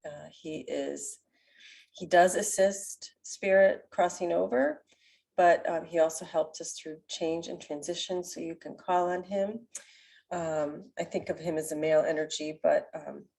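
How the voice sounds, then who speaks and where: Woman, nasal, stuffy with a cold, mellow tone, lowish voice, gentle rambling spiritual talk. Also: steady tone, a little slow, creaky. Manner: gentle, meandering, with many ums. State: sick with a cold. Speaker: oracle card reader. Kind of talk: spiritual card reading to camera.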